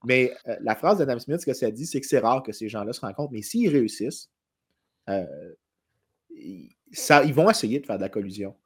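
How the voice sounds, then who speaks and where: Co-host man, Québécois accent, mid pitch, lively economist explaining history in a casual chat. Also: fairly quick, slightly rough. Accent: Québécois French. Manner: animated explaining, quotes in English.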